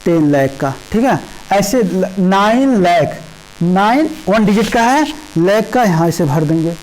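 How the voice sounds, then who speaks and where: A woman teaching a primary school math lesson, explaining place values slowly and repeatedly checking in with the children. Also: lowish voice, a little mellow, smooth, rough recording. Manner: slow, repetitive explaining with frequent "ठीक है" checks. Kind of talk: class 5 math lesson in Hindi with English number words.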